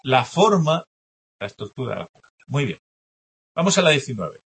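A man's voice: mid-range voice, big pitch swings, moderate pace, gravelly, fairly bright tone, breathy edge. A man teaching a language class, explaining test answers and often checking in with students. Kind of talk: classroom lecture going over test answers.

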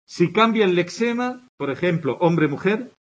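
A man's voice: high voice, lively intonation, moderate pace. A man from Spain teaching a grammar lesson to a class, giving examples one after another and checking in with his students as he goes. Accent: Spanish from Spain. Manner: explains with examples, checks in with "¿de acuerdo?". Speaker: Spanish teacher.

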